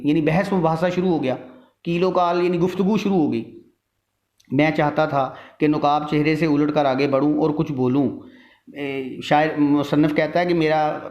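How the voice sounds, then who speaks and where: Male teacher, slightly high-pitched, tired but patient, explains a text line by line. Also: a little mellow, lo-fi sound. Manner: explains each word and line step by step. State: tired from long talking. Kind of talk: lecture explaining a literary text.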